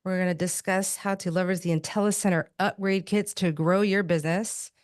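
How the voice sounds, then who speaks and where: A woman's voice: lowish voice, fairly even intonation, fairly quick. A woman hosting a business webinar, upbeat and playful, joking with her guests. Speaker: webinar host.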